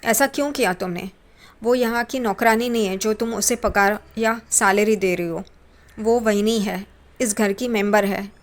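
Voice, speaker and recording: An indignant young husband who scolds his wife with pointed, reproachful questions, read out by a woman. The voice is fairly high and stays plain. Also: steady tone, unhurried.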